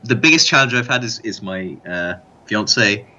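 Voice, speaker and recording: Deep bright-toned man, dull lo-fi sound. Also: expressive. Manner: measured, hedging with "sort of" and "kind of". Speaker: podcast panelist. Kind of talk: casual podcast chat.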